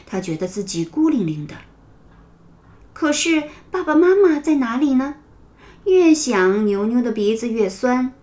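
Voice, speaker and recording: A woman narrating a children's story in a gentle, expressive storytelling manner. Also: a little high, unhurried.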